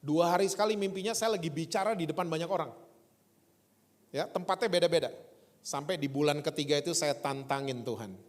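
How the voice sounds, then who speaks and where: A man preaching a sermon in a church, telling a lively story and acting out voices in his quotes. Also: on the high side, fairly quick. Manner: animated storytelling with voiced quotes, speaks of his former stutter. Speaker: pastor. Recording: long church hall reverb.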